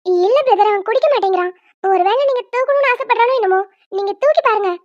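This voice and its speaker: A woman's voice: very high-pitched, fast talker, dry recording, dull audio. A woman voicing a young doting aunt who coaxes a crying baby in sing-song baby talk. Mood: coaxing. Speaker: cartoon voice actor. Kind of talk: homemade cartoon dubbing.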